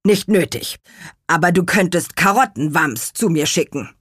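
A woman voicing the busy male chief of the apple manikins, brisk and practical. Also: fairly low pitch, expressive, a bit bright, slightly rough, dry recording, studio quality.

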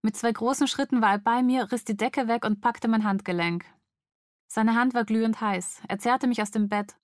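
A woman, an author, reading a tense first-person scene from her novel aloud in a measured, steady way. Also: medium pitch, no echo, studio quality.

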